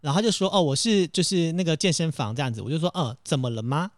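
A man's voice: a little high, fast, dry recording, studio quality. A man co-hosting a podcast, animatedly telling stories in casual chat and acting out the phone calls he retells. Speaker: podcast co-host.

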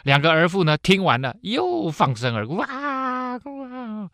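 A man hosting a radio Bible teaching program, explaining scripture with lively storytelling full of filler particles. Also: on the high side, moderate pace, vocal fry, no echo, studio quality.

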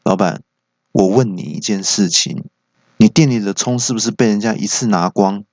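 A man voicing a sly, unflappable male freeloader who talks in a smooth, mock-earnest way. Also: lowish voice, normal speed, a little mellow, dry recording. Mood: smug.

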